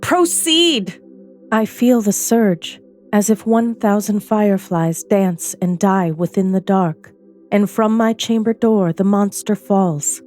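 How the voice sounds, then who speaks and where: Woman narrator for a verse audio drama, slow and mellow, measured and poetic, soft music beneath. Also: mid-range voice. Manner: measured, poetic first-person telling.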